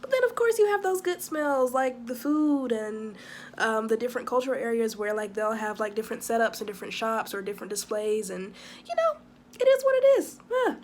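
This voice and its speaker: A young woman chatting casually to camera in a vlog, talking quickly with lots of fillers and asides. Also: on the high side, slight background noise. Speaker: vlogger living abroad.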